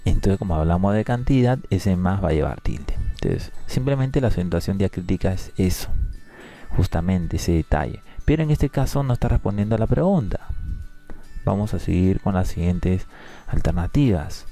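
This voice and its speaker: Deep-voiced man teaching a patient lesson. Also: animated, moderate pace, warm tone, soft background music. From Peru. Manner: patient, explanatory, repeats words to show how they sound. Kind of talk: exam review lesson.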